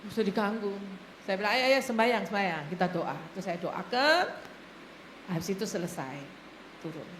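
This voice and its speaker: A woman pastor preaching a sermon, telling stories in an animated way and often laughing as she addresses the congregation. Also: high voice. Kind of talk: sermon with storytelling. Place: church hall. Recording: echoey church hall, faint noise.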